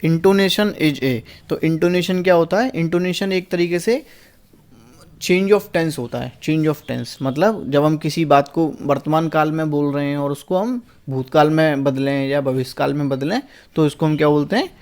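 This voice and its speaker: A young male teacher with a fairly high voice leads a lesson on a past exam paper. He asks each question himself and then answers it. He slows right down to read the English lines word by word. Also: a little mellow.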